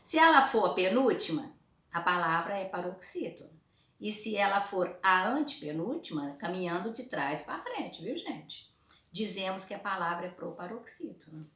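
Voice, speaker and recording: Brazilian teacher, woman, a little hoarse, bright tone, echoey room, exaggerated pronunciation for kids. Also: mid-range voice. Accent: Brazilian Portuguese. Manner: slow, lively, exaggerated pronunciation, frequent "né?". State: slightly hoarse. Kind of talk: recorded remote lesson to children.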